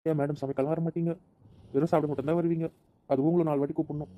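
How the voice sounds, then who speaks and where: A man's voice: fairly high pitch, little pitch movement, rapid-fire, phone-quality sound, slight background noise, natural voice. A man playing a bossy teasing husband. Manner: commanding, teasing. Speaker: voice actor in audio drama. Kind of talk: amateur audio drama acting.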